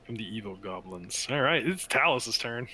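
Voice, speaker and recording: Man, game master, bright tense voice, playful, laughing narration. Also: mid-range voice, expressive, normal speed, husky. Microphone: online call microphone.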